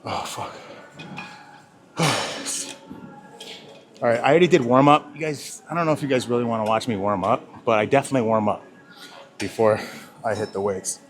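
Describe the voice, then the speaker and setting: A man's voice: medium pitch, fast talker. A man talking casually in a gym vlog while out of breath, rambling and swearing, with lots of sidetracks. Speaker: fitness vlogger. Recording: music playing clearly behind.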